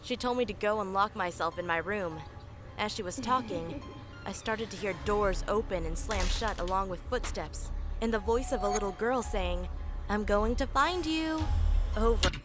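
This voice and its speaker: Female narrator, scripted horror story, mid pitch, music bed. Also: normal speed.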